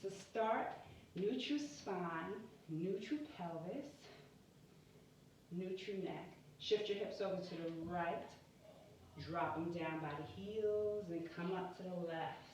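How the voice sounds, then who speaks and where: A woman guiding an exercise class in a careful, unhurried, deliberate way, cueing step by step in short phrases. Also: lowish voice, darkish tone. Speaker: yoga and pelvic floor exercise instructor. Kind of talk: guided exercise instruction. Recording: very echoey room, distant mic, muffled, faint noise.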